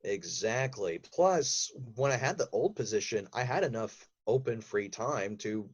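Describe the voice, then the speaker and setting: A voice actor and audio drama writer appears as a podcast guest, sharing detailed, enthusiastic stories in a casual interview. He speaks a little slowly and animatedly in a lowish voice with a breathy edge.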